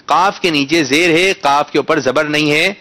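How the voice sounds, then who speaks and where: A man with a bright, ringing voice pitched a little high hosts a children's quiz. He coaxes the young contestants patiently, corrects their pronunciation, and calls out winners loudly. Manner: bursts into loud announcements.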